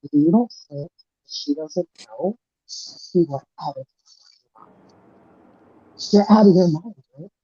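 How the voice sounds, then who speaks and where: A woman's voice: deep voice, a little slow, pauses often, warm tone, slightly rough, no room sound. A woman chatting bluntly on a call, her voice muffled and distant as if heard through a wall. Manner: blunt, swears casually. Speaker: livestream co-host. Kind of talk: casual group chat on a call. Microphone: Bluetooth earpiece on a call. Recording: dull, dry call audio.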